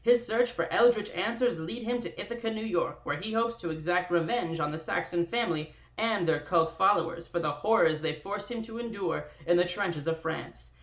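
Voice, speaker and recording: A dramatic old-time radio announcer, put on by a streamer narrates in theatrical 1940s style and lands each phrase with a punchy pause. The sound is roomy, with a clear echo around the voice. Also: medium pitch, a bit bright, natural voice. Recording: roomy echoey room.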